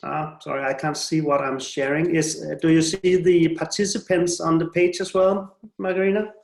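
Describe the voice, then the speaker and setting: A middle-aged man giving an online presentation as a presenter, speaking in a halting, hesitant way. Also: on the high side, flat delivery, creaky. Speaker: presenter, IT and design specialist. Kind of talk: online presentation, interpreted in pauses. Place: indoor room on a video call. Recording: roomy, echoey video-call sound.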